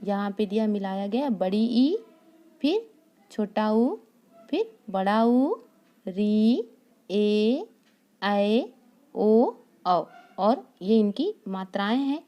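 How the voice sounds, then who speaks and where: A woman teaching a primary school class, speaking slowly and patiently and repeating key lines for young children. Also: medium pitch, animated, muffled recording. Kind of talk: online class lesson.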